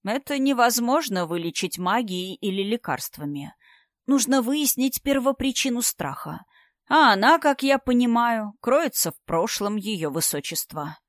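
A woman reading the lines of a calm male court healer who explains in a measured way, in an audiobook. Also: fairly high pitch, no room sound, clean studio sound. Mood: grave.

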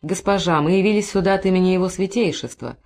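A stern old high priest speaks low and cold, measured and commanding, as a woman reader puts him on. His words come out deliberate and hushed. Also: natural voice.

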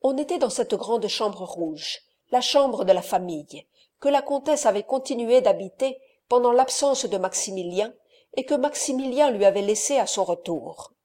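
A woman's voice: a little high, expressive, normal speed, dark tone. Woman reading a classic novel aloud. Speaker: audiobook reader. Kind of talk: scripted narration.

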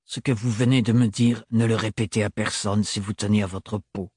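Stern unbending man in an audiobook, clipped and hard, husky low voice, as the reader plays him. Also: fairly even intonation, normal speed, a little mellow, dry recording, clean studio sound. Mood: curt, cold. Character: tall stiff man, curt and cold.

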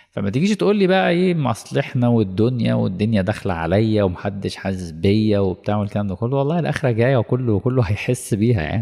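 Gravelly fast Egyptian preacher in a hall. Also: male voice, on the low side. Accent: Egyptian Arabic. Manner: animated, acts out dialogues and quotes. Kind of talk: colloquial religious lesson.

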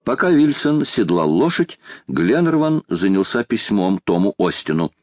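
A male audiobook narrator reading in a measured, even way. His voice is low. The recording is close and dry. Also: no room sound. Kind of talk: scripted narration.

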